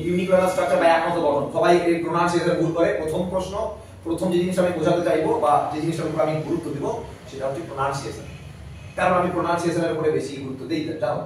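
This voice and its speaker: A man teaching a geography class, explaining slowly and often checking whether his students have understood. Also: on the high side. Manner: explains slowly, repeats terms, asks students "clear?". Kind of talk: classroom lecture. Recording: echoey room, distant mic, faint noise.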